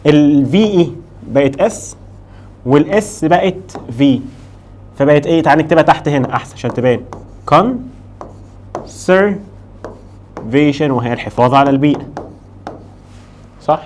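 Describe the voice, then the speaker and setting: Fast-talking Egyptian Arabic English teacher. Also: male voice, mid-range voice, darkish tone, a little hiss or hum. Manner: switches between Arabic and slow, drilled English words; asks himself questions as a student. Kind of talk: lively classroom lesson.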